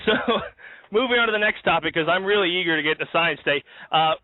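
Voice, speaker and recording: Outdoors in a backyard, a man hosts a live-streamed comedy talk show, joking and laughing as he rambles through the news. His voice sits a little high and moves a little fast, and the recording is tinny and phone-like with no echo.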